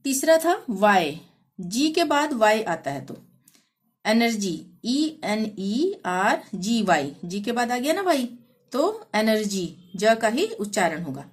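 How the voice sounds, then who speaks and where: A woman teacher explaining pronunciation rules patiently, spelling out words letter by letter and repeating each rule. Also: on the high side. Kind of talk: language lesson.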